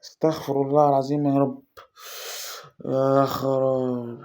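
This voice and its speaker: A man with an Egyptian Arabic accent giving excited pack-opening commentary for his gaming channel, anxious and pleading, swinging between groans and shouts. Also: medium pitch, normal speed. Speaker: gaming YouTuber.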